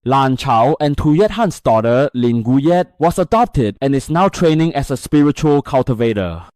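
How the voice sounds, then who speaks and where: A man's voice: medium pitch, animated, normal speed, a little mellow, no room sound. A man narrating a comic-style story recap in a scripted storytelling style.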